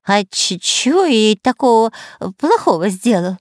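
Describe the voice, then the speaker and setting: A woman's voice: on the high side, big pitch swings, a little slow, no room sound, clean studio sound, voice pushed up. A woman voicing a cowardly long-nosed male spy who wails and stammers. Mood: scared. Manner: wailing, squealing, stammering.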